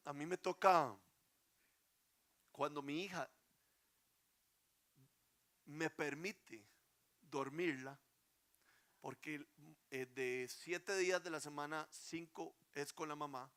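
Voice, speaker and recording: A young male pastor delivers a sermon in an earnest voice. His tone is bright and forceful, set a little high. He swells into emphatic peaks, then drops to a soft hush.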